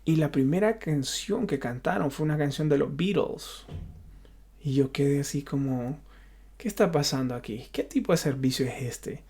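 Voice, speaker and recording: His voice is fairly high, creaky, dark, and husky: a Honduran man with a Honduran Spanish accent who serves as a pastor. He shares an unscripted testimony, halting often and circling back over words as he searches.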